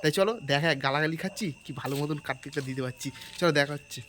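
A man vlogs on a dark street at night, talking quickly and keeping his voice low as he creeps along. His voice sits a little high, and he speaks into a handheld phone. Faint crickets and insects chirp behind him. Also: slight background noise. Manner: speaking quietly in a hushed voice while sneaking near a house. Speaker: vlogger. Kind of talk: casual vlog narration.

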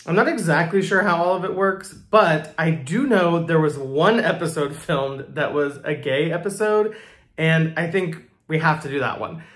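A young man hosting a casual reaction video, chatty and amused, quick to laugh. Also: fairly high pitch, fairly bright tone, roomy sound. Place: small home studio with plants.

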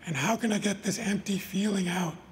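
A man voicing a desperate man in a fable, his voice raised higher and pleading. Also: a little fast, lightly acted. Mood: frantic. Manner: anguished, pleading. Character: frantic man, adult, obsessed with his rock.

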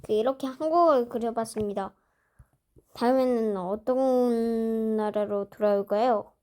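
A woman with a slightly high voice narrates at an unhurried pace while drawing. She muses aloud and talks to herself as she works. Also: darkish tone, clean tone. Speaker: drawing vlogger.

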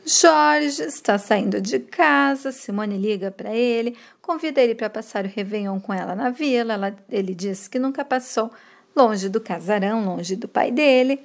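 A woman from Brazil retelling a soap opera episode, reading out the characters' lines with lively shifts in delivery. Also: on the high side, normal speed, vocal fry.

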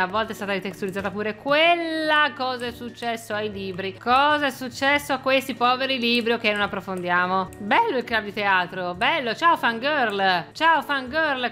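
A woman's voice: on the high side, pushed and bright. A woman giving playful, theatrical gameplay commentary as a YouTuber. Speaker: gaming YouTuber.

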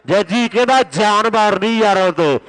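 High-pitched frantic rural kabaddi commentator, man. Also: normal speed, low-quality recording. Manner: excited, urgent, repetitive calling of play and announcements.

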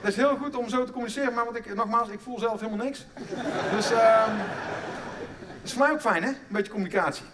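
Brief: middle-aged comedian, high voice, stammers, sudden loud outbursts, distant live-theatre sound with faint ambience. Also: male voice, fairly quick, noisy background. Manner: stammering restarts, loud bursts of mock outrage. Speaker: stand-up comedian. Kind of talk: stand-up comedy routine. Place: theatre stage.

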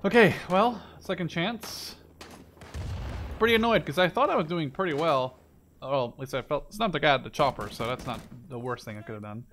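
Loud in-game gunfire and artillery play behind this man as he gives casual, rambling gameplay commentary, thinking out loud and being hard on himself. A gaming video host, he speaks a little high and briskly, with slight background noise.

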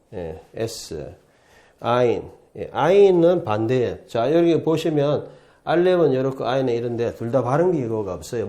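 Guy teaching a class, mellow warm voice, chatty and repeats himself a lot, at a board in a studio. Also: mid-range voice. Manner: chatty, repetitive, often starts with "자" and "예". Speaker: Hebrew professor teaching the alphabet. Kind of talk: casual classroom lecture.

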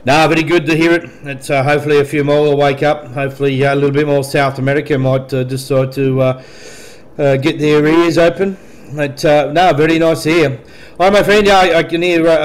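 Higher-voiced Australian man, radio operator. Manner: casual, friendly, hesitant with frequent pauses. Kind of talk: radio contact chat with spelled-out call signs. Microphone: dual-element studio desk microphone at a radio set.

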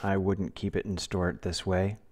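A man hosting a do-it-yourself channel, talking through a craft demonstration in a relaxed, practical, plain-spoken way as a close-miked voice-over. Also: deep voice, normal speed, breathy edge. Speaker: DIY channel host. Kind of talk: casual tutorial voice-over.

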